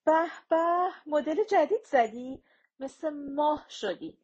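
A woman's voice: high-pitched, expressive, darkish tone, muffled recording, voice pushed up. A woman voicing a bossy, doting, vain elderly grandmother in an audiobook, giving orders and fussing over her grandchild.

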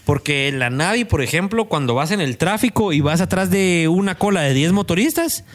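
A man's voice: sits high, normal speed. A man with a Guatemalan Spanish accent hosting a radio talk show, chatting casually with slang and frequent laughter. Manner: laughing often, slangy and relaxed.

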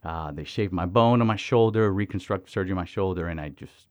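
A man from the Dominican Republic with a very deep voice tells his own story as an interview guest. He talks in lively bursts with plenty of fillers and restarts, recorded dry and close. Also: fast, no room sound, highs cut off. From Dominican Republic, raised in Miami. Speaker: guest, mission organization director.

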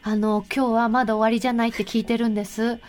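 A woman's voice: on the high side, little pitch movement, fast, a crowd in the background. Cheerful woman radio host. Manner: cheerful, chatty. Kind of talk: radio studio chat.

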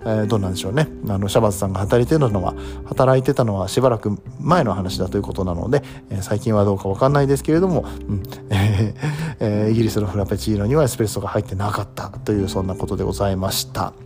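A man's voice: lowish voice, very fast, over music. A man giving casual commentary as he reads an article aloud, reacting with surprise and thinking aloud as he goes.

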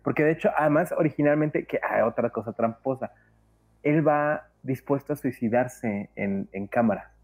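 A man's voice: medium pitch, normal speed, a little mellow. A man, a guest on a podcast, talking at length in a casual discussion and thinking aloud with plenty of fillers. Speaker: guest film commentator.

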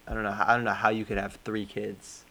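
A young man in casual chat, curious and quick with follow-up questions. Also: on the low side, monotone, sharp tone.

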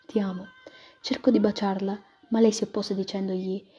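Female storyteller, husky and mellow, slips into whispers; lo-fi recording. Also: mid-range voice, flat delivery, brisk. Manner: drops into whispers. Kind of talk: reading a romance story aloud. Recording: dull lo-fi recording.

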